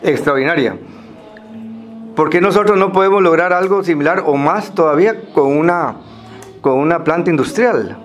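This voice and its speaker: A Costa Rican man speaking semi-formally to a group, explaining things in a halting way with pauses and repeated words. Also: fairly high pitch, faint music behind.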